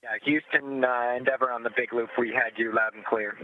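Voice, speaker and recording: Male astronaut, clipped fast radio replies, thin phone-like spacecraft link. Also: medium pitch, steady tone. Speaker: spacecraft crew member.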